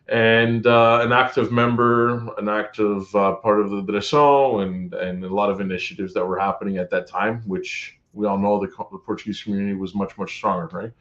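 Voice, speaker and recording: A man from Canada with a fairly low voice, talking as a podcast guest in a loose, rambling way. He keeps circling back and restarting his sentences, and the recording has a muffled, lo-fi edge. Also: a bit bright. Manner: rambling, many restarts and fillers. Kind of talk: casual conversation. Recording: dull lo-fi sound.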